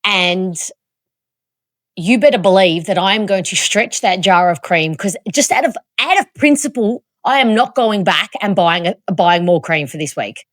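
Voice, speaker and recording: An Australian woman hosting a podcast, telling a story in an animated, self-mocking way. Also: medium pitch, moderate pace, no room sound, clean studio sound. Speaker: podcast host. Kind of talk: casual chat, storytelling.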